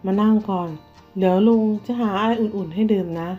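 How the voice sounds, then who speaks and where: A woman voicing a kind, soft-spoken middle-aged stepfather who talks gently and slowly, with faint music behind. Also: high voice, steady tone, close to an everyday voice. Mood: gentle. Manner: gentle, apologetic, slow. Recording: slightly dull, faint music.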